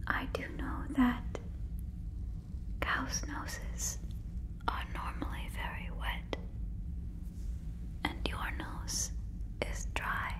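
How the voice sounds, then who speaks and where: A woman performs a naive, curious, gentle female alien in ASMR roleplay, speaking in a breathy whisper close to a fluffy microphone. Her careful, formal, stilted phrasing carries a gentle, apologetic mood.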